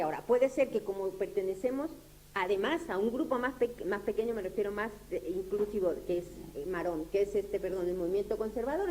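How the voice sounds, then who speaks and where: A Latin American woman with a dark-toned voice gives an informal lecture that includes audience questions, speaking haltingly, repeating herself, and checking that her listeners follow along. The recording is rough, with clearly audible background noise and a low hum.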